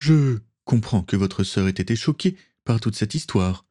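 A man voicing a polite, formal governor in a read-aloud story, slightly raised in pitch. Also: expressive, moderate pace, mellow, natural voice. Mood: courteous. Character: governor, courteous older man.

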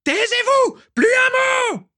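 A man voicing a furious, haughty older witch who screams insults in a shrill, screeching voice. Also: lively intonation, slow pace, gravelly, sharp tone, raised voice, full character voice. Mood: screaming.

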